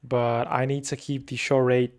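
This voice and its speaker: In his casual weekly recap vlog, a young man who owns an agency talks at a moderate pace, his medium-pitched voice level in tone. He has a Brazilian accent, his native tongue is Portuguese, and the talk wanders loosely with many fillers and repeats.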